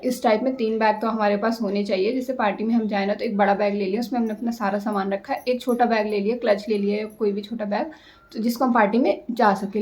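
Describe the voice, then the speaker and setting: A young woman giving casual style and confidence advice to her viewers, chatty and unhurried, pausing often on fillers. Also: mid-range voice. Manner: chatty, hesitant with many fillers; tries to talk slowly and calmly. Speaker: vlogger. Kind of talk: casual advice talk to camera.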